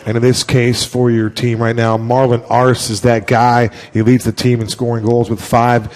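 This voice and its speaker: A man's voice: medium pitch, flat delivery, normal speed, a little mellow. A man hosting a college sports show, asking players long, joking questions in a chatty way. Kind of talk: casual sports talk show.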